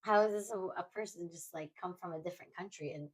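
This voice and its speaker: A woman hosting a podcast, chatty and quick to laugh, asking her husband questions in a casual conversation. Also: lowish voice, poor audio. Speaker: podcast host. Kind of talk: casual chat.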